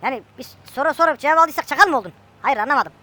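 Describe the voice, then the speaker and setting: Fast, bright-voiced woman joking around. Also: high voice, expressive. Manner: joking, bantering with a friend. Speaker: gameplay streamer. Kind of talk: casual chat while playing a farming game.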